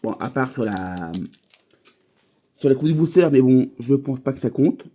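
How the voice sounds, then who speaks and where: A man in a casual, meandering chat, talking through card pack openings with plenty of hesitations and restarts. His voice sits at a middling pitch and sounds very dark and mellow. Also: animated, measured pace, breathy edge. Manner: rambling, many fillers and restarts. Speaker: YouTuber opening trading card boosters.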